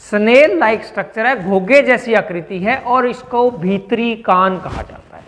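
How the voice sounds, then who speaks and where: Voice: medium pitch, expressive, a little slow, fairly bright tone, long reverb tail. A teacher giving a step-by-step classroom science explanation and checking in with listeners through questions.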